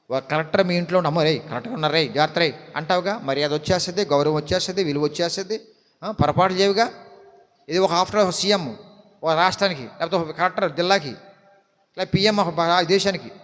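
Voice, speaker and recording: High-voiced preaching pastor, Telugu accent. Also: male voice, fast. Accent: Telugu, Andhra coastal. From India. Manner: preaching with dramatic swings between loud and hushed delivery. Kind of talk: sermon. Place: church prayer hall. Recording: long hall reverb.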